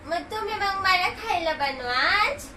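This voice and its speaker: A woman's voice: very high voice, lively intonation, unhurried, sharp tone, a little hiss or hum. A woman with a Marathi accent talking casually in a family vlog, sleepy and mildly complaining. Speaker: vlog co-host and mother.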